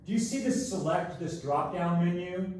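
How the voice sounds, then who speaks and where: A man teaches an online math class and repeats each step more than once. He stands away from the camera mic, so his voice echoes as if he were in a tunnel. His voice is a bit higher than most men's, with a faint hiss in the background. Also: normal speed, a little mellow. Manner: repeats each instruction several times. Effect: echoing tunnel-like sound from a distant camera mic. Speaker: college math instructor. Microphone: built-in camera microphone across the room. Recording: very echoey room, far from mic, faint noise.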